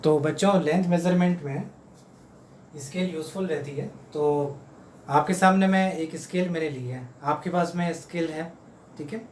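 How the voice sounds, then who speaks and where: A patient male teacher walks children through a math lesson, saying each number slowly and more than once. His voice sits a little high and reaches the mic from across a roomy space at home. A faint hum runs underneath. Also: a little mellow, far from the mic. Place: room at home.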